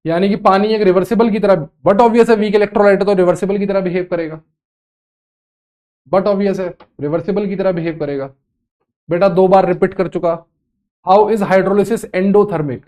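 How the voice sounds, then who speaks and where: High-voiced man teaching chemistry. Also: fairly even intonation, a little fast, a little mellow. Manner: scolding, teasing, repeats phrases. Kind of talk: online lecture.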